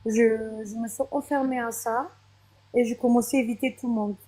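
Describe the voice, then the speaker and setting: A woman with a somewhat high-pitched voice gives a personal testimony. She speaks French as a second language with a foreign accent. Her delivery is unscripted and hesitant, as she searches for her words. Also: steady tone, moderate pace, mellow, husky. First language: not French. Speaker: guest giving a personal testimony.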